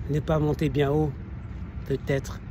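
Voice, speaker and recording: Guy doing a proud scornful poet swordsman, hammy stage verse, kinda high voice, really unhurried, noisy background. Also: little pitch movement, close to an everyday voice. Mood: wistful, proud. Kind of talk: theatrical verse monologue recitation. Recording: noticeable background noise.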